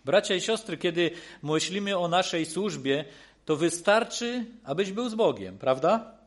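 Male preacher, sermon, a touch higher voice, halting, reassuring. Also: lively intonation. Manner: halting, many restarts and repeated phrases; earnest, reassuring.

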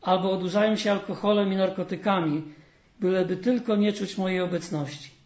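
A man's voice: sits high, steady tone, a little fast, a little mellow, roomy sound, lo-fi sound, natural voice. Sadness, a lonely, sighing spirit, voiced by a man. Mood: plaintive, lonely. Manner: plaintive, sighing complaint. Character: weary, shrunken male Sadness, lonely and misunderstood.

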